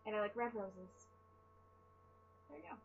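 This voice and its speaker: A woman's voice: medium pitch, expressive, unhurried, creaky, dull audio, noisy background. A young woman chatting casually to camera while answering fan questions, rambling and self-deprecating, tired from lack of sleep. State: sleep-deprived. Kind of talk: casual chat.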